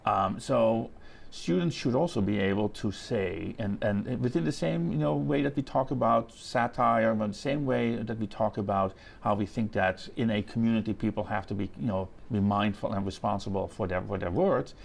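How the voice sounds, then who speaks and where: A man's voice: fairly low pitch, moderate pace, gravelly. A man giving an explanatory interview answer, repeating and rephrasing as he reasons aloud. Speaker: interviewee commenting on free speech.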